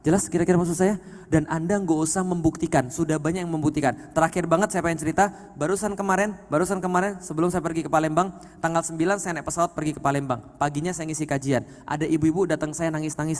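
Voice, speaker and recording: A man preaching an Islamic lecture to a live audience, lively and emphatic, swinging from quiet to loud and often checking that listeners understand. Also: on the high side. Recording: long hall reverb.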